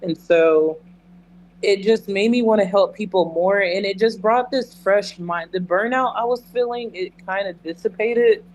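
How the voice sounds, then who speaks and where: An emergency dispatcher appears as a guest in a conversational interview, his high voice unhurried. He gives earnest, candid answers with emphasis, repeating phrases, and the rough recording carries a little hiss or hum.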